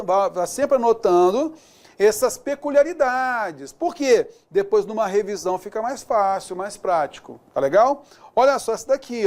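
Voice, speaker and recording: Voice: mid-range voice, darkish tone. A Brazilian-accented grammar teacher in a recorded exam-prep lesson. The talk is chatty, with constant check-ins to the student. Examples are worked through aloud, often said twice. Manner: chatty, keeps checking in with the listener; walks through examples aloud, repeating words.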